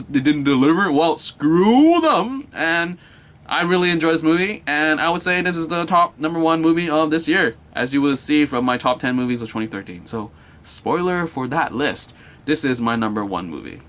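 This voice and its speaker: A man's voice: fairly high pitch, fairly quick, a bit bright. A young man giving a casual, enthusiastic movie review, rambling and repeating himself with many filler words.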